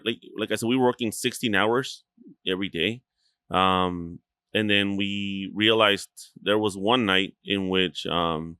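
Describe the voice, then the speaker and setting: A man's voice: lowish voice, sharp tone, dry recording. A man from Chihuahua, Mexico, a restaurant co-owner talking casually as a podcast guest, rambling with lots of fillers and swearing freely.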